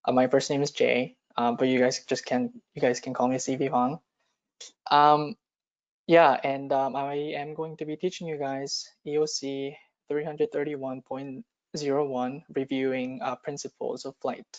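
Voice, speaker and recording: A man's voice: mid-range voice, little pitch movement, unhurried. Man, from South Korea, cadet instructor, hesitant, ums and uhs, muffled video call audio. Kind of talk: online class lesson.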